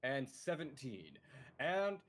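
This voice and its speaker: Lively swearing man running the game. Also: medium pitch, slow pace. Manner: animated, swears freely, narrates combat. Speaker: dungeon master. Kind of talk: running a tabletop game, casual.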